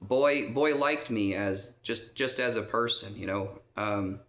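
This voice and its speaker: Taking his time in a fairly low, slightly bright voice, a male vlogger recounts a long personal story in a rambling manner. He's in a care home resident's room, frequently asking "okay?" and filling silences with "um", and there's a roomy echo.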